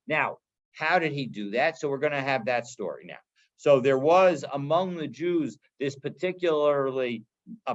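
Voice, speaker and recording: A man teaching a daily Talmud class, reading Aramaic phrases and translating them in a casual, halting way. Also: medium pitch, lo-fi sound.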